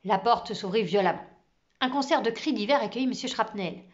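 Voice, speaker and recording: A woman reading a children's book aloud, expressive and dropping to a hush at tense moments. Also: on the high side, a little fast, dull audio. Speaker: storyteller.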